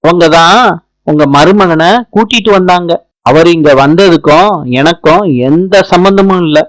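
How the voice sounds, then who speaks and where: A man reading a firm, calm housewife. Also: high-pitched, moderate pace, dry recording, pitched above the performer's own voice, close to an everyday voice, poor audio. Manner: firm, matter-of-fact.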